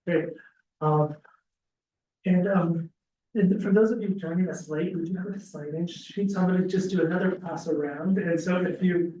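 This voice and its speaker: A man's voice: high-pitched, normal speed, a little hiss or hum. Man presenting in a roomy hall, mic far off. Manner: relaxed, frequent ums and restarts. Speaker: school dean giving an info session. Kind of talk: informal presentation to prospective students. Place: classroom with audience, also streamed on a video call. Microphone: laptop webcam some distance away. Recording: roomy, distant webcam audio.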